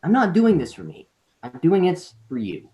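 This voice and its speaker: Cocky teenage schemer read by a man in a table read; pushy, animated intonation. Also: on the high side, normal speed, poor audio. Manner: pushy, persuasive. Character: cocky, persuasive teenage boy. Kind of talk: unrehearsed script read-through.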